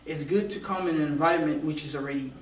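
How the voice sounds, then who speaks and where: Soft-spoken hesitant male guest. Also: fairly high pitch, fast. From born in Romania, raised in Africa. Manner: hesitant, repeats words while thinking. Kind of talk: casual interview chat. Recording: roomy, distant mic, faint noise.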